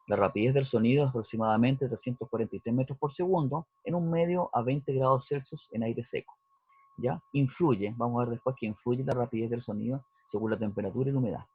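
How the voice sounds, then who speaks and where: Male physics teacher, slightly husky voice, tinny phone-like sound, walks through a lesson and keeps checking in with students. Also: medium pitch, no echo. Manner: explanatory, checks in with "¿cierto?" and "¿ya?". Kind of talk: recorded lesson walkthrough. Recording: dry, husky, phone-like narrowband audio.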